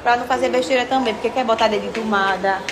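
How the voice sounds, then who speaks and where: A woman's voice: fairly high pitch, steady tone, racing, noisy background. Chatty woman touring a hotel. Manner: chatty, exclaiming to viewers. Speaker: vlogger. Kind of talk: casual vlog tour.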